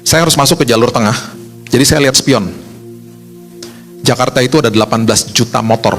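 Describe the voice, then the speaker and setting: Male pastor with an Indonesian accent, mid-pitched, animated storyteller, soft music underneath. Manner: storytelling with lively acted-out quotes. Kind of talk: sermon.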